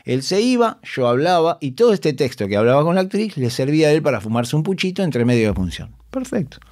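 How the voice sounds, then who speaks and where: A man's voice: on the high side, a little fast, dry recording, studio quality. An actor and comedian with a Rioplatense Spanish accent, telling backstage anecdotes in a casual podcast chat, acting out his colleagues' voices. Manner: animated, acts out voices of colleagues, laughs often. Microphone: studio microphone.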